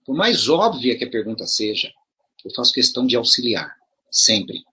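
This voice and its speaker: A man's voice: mid-range voice, very animated, moderate pace, pushed and bright, breathy edge. A middle-aged man from Brazil explaining things to his audience in a casual monologue, asking rhetorical questions and restarting his sentences. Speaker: video commentator addressing promoters.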